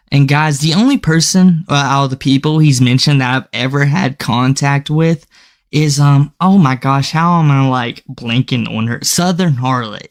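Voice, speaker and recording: A young man giving casual reaction commentary to his viewers, talking loosely with frequent stammered restarts. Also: mid-range voice. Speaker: commentary YouTuber.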